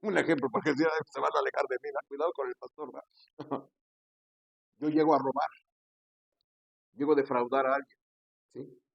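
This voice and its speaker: A man's voice: steady tone, gravelly, no room sound, highs cut off. A male pastor preaching a sermon, asking rhetorical questions, adding "¿verdad?" after phrases and calling his listeners brother. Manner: slows and rises in pitch on key scripture phrases.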